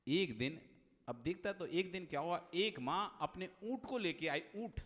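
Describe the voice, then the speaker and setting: A male Jain monk giving a sermon, telling a humorous story with animated delivery. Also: sits high, measured pace. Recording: long hall reverb.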